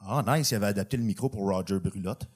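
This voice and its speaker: A man doing stand-up on stage, delivering a rapid string of deadpan bits. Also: fairly low pitch, husky, faint music behind. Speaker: stand-up comedian. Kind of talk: stand-up one-liners. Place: comedy club stage.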